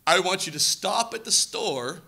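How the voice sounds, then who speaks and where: A man doing a calm, firm church mentor. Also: high voice, moderate pace, gravelly, full character voice. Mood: firm, quiet.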